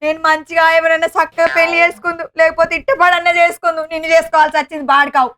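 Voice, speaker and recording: A woman acting a village wife in a comedy short film, scolding and quarrelling loudly. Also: very high-pitched, level tone, very fast. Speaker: actress playing a village wife.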